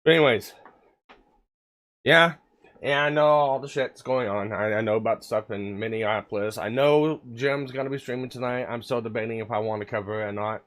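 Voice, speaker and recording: He talks a little fast, in a medium-pitched, fairly bright voice. The man is a livestreamer with a cold and cough, chatting casually at his desk microphone and rambling through plenty of fillers and occasional swearing.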